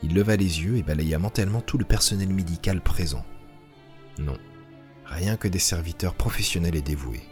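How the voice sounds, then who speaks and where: A man narrating a science-fiction audio drama in a measured, even way. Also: low-pitched, faint music behind.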